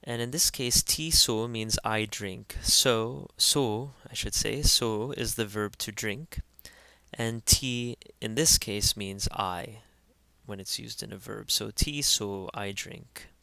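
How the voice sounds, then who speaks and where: Crisp-voiced man teaching pronunciation. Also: lowish voice, sharp tone, no room sound. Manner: slow, careful spelling-out of sounds with repeated words. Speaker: language teacher. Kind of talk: instructional voice-over.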